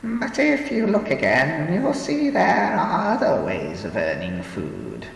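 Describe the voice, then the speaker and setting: A man voicing an ancient, frail, weary old woman in an audiobook, speaking in a slow, quavering, soothing way. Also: a little high, wildly swooping pitch, creaky, pitched above the performer's own voice, full character voice. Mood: rueful. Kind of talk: audiobook character reading. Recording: roomy echo, long reverb, faint hiss.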